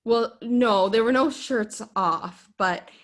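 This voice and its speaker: A bubbly podcast guest from Minnesota, USA, chats casually in a Minnesotan accent, laughing often and rambling through her stories. She speaks slowly in a fairly high voice, with slight background noise.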